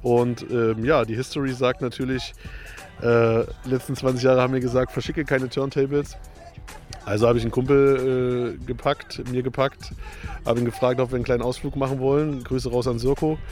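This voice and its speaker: A man of medium pitch hosts a radio show, chatting loosely with a guest. He rambles, hesitates and restarts often. Faint music plays behind him outdoors by a lake. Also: level tone, moderate pace, a little mellow. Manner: rambling, many hesitations and ums. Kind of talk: casual interview.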